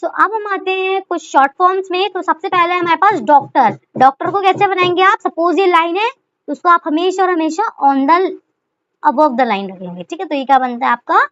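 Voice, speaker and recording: A woman's voice: very high-pitched, normal speed, fairly bright tone. A woman teaching shorthand step by step, often checking in with "okay" and asking herself questions as she writes. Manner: repeats "ठीक है" and asks rhetorical questions while writing. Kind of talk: step-by-step tutorial explanation. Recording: dry, dull lo-fi sound.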